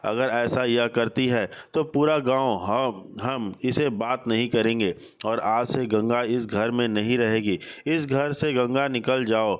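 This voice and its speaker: A man reading the lines of a stern elderly village patriarch in a slow, pleading and commanding manner. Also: mid-range voice, smooth, close to an everyday voice.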